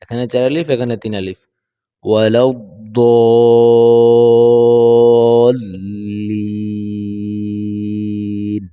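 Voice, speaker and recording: A man teaching Quran recitation, chanting verses slowly and explaining pronunciation patiently. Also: mid-range voice, narrow, tinny audio. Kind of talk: slow recitation lesson with explanations. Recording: long hall reverb.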